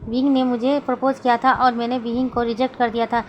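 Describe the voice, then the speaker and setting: A woman voicing a calm, patient young man who speaks soothingly in a read-aloud story. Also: a little high, fairly quick, lo-fi sound, a little hiss or hum, natural voice.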